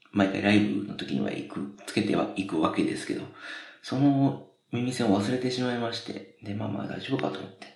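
A man with a low, gravelly voice hosts his own radio talk show alone. He chats casually and rambles, and he often stops to correct a word he got wrong. The sound is roomy and echoey. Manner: rambling, self-correcting, chatty. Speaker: podcast host. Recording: roomy echo.

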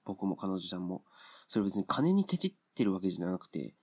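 A man hosting a casual solo podcast, speaking bluntly and opinionatedly with frequent fillers and pauses. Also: deep voice, sing-song, darkish tone, slightly rough. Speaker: podcast host.

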